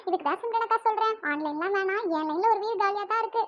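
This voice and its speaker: Cartoon: woman voicing a cheeky young neighbour, very high squeaky voice, fast and teasing. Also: expressive, fairly bright tone, highs cut off. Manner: teasing, giggly, sing-song.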